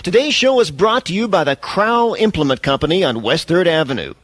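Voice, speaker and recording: A man doing brash radio host Wes, raised and lively. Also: on the high side, no echo, voice pushed up. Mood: upbeat. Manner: upbeat on-air banter, quick to charm. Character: brash smooth-talking male radio talk host.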